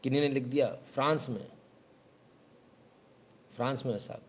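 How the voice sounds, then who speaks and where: A male host talks casually on a live show. His tone is sarcastic and mocking. He speaks at an ordinary, mid pitch for a man. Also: moderate pace, a little hiss or hum. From Uttar Pradesh, India.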